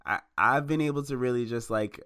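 He speaks briskly in a mid-range voice that sounds pushed and bright. In his twenties, this independent musician starts his podcast with a preachy, motivational speech, repeating lines for effect and talking to listeners as "y'all" and "baby."

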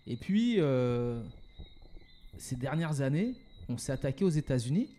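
A man with a warm, mellow voice speaks in a relaxed, casual interview. He talks hesitantly, with frequent fillers and restarts, and drops English words into his sentences. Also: medium pitch, unhurried. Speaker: guest, event organizer and entrepreneur.

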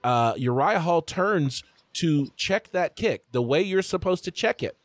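This man hosts a casual sports podcast in a fairly high, unhurried voice, captured in a dry recording. He leads the conversation animatedly, telling stories that he keeps restarting.

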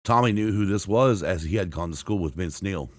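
A lowish-voiced man briskly reads a band's history from a script for his podcast, recorded close and dry with no room sound. He often trips over words and restarts or corrects himself, flagging each quotation with "and I quote" and "end quote."

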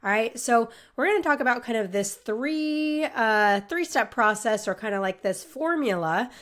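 A woman's voice: on the high side, expressive, moderate pace, a bit bright. A woman with a stuffy, congested voice hosting a motivational podcast, talking in an upbeat, encouraging way with filler words. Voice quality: nasal and stuffy. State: sick and congested. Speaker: podcast host and coach.

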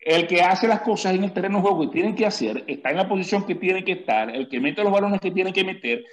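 Guy arguing football on a podcast, high voice, keeps repeating himself. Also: animated, fast talker. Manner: insistent, repeats himself over and over. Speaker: podcast co-host. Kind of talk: heated casual debate.

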